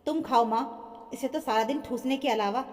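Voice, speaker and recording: A woman voicing a rude, arrogant young husband who sneers and shouts. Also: high voice, normal speed, big-room sound, close to an everyday voice.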